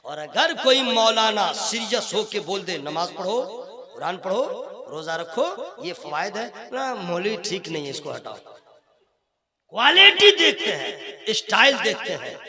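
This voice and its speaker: A man's voice: high voice, very animated, unhurried. A man preaching at a religious conference, switching between impassioned rhythmic oratory and chatty, joking asides to his listeners. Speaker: Islamic preacher. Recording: live event with audible crowd. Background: audience murmur and laughter.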